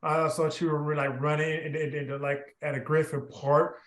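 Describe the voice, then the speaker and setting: A podcast host runs a casual interview, talking loosely and rambling with constant filler affirmations. His voice is fairly high and level, at a normal pace, on roomy video call audio.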